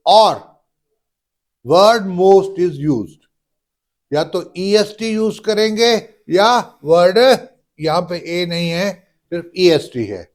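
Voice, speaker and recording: A man teaching a grammar lesson, dictating rules slowly and stretching out each word. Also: on the high side, a little mellow. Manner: slow, drawn-out word-by-word dictation, addresses students as beta.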